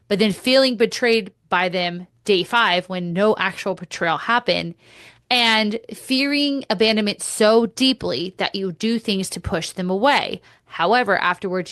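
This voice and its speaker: A woman's voice: mid-range voice, a bit bright, dry recording. A woman hosting a podcast, giving blunt, opinionated commentary with casual swearing, close to the mic. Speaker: podcast host.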